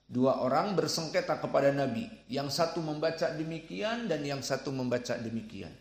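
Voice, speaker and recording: A man giving a religious lesson, speaking slowly and deliberately and sounding out Arabic syllables. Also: medium pitch, animated, roomy sound. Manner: slow, deliberate, demonstrates Arabic sounds aloud. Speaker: Quran recitation teacher.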